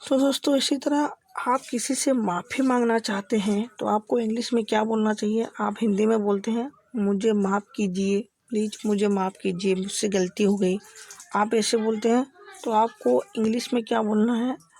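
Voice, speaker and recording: A woman teaching an English speaking lesson, explaining in Hindi, saying each phrase slowly and repeating it several times. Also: mid-range voice, fairly even intonation, a little mellow, breathy edge, no room sound.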